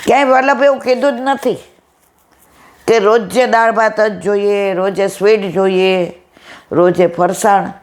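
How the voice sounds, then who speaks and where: A woman leads a devotional gathering. She tells a story through quoted back-and-forth with an affectionate, homely manner, her voice sitting at an ordinary middle pitch. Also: fairly even intonation, unhurried. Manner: affectionate, storytelling, addresses listeners as "my dear". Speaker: satsang speaker. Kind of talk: devotional talk retelling a conversation.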